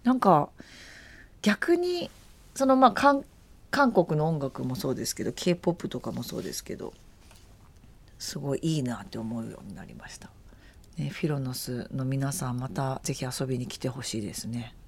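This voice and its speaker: A woman's voice: very deep voice, lively intonation, moderate pace, a little hiss or hum. A woman hosting a casual after-show chat, rambling along with many fillers and easy laughs. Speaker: radio show host.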